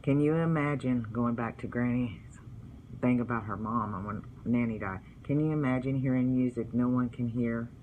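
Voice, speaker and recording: An earnest man tells faith-filled family stories for his vlog, partly reading from his own book. His voice sits at an ordinary pitch and is delivered with heartfelt sincerity, with a faint hiss behind it. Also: normal speed, a little mellow, rough recording. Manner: earnest, heartfelt, religious storytelling. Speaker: vlogger.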